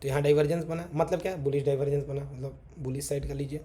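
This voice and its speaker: A man's voice: on the high side, flat delivery, fast talker, dark tone. A man teaching chart reading, walking through examples step by step and saying "theek hai" again and again. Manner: repeats "theek hai" constantly, talks while drawing on charts. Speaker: trading teacher. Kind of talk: casual screen-share chart lesson. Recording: faint background noise.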